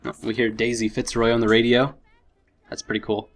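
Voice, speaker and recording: A man's voice: mid-range voice, little pitch movement, brisk. A man hosting a let's play with casual commentary, thinking aloud and easily impressed. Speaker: gaming video host.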